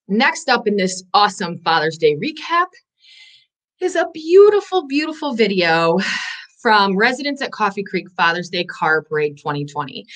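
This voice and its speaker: A woman hosting a live good-news show, bubbly and enthusiastic, a little out of breath, rushing through her stories. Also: on the high side, a bit bright. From Northwest Indiana. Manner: bubbly, enthusiastic, talks in quick bursts. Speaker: host.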